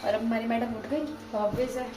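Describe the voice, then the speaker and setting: Young woman, high voice, casual home vlog, baby talk, noisy background. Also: fairly even intonation, fast talker, reverberant. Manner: talks baby talk to her toddler. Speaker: vlogger mother.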